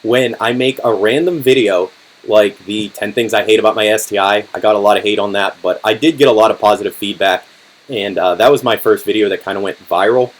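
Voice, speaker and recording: A young man in his twenties hosting a casual live-stream Q&A, talking in a relaxed, rambling way with lots of ums and restarts, his voice going hoarse. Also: lowish voice, fairly quick, low-quality recording. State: voice getting hoarse. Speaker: car channel host.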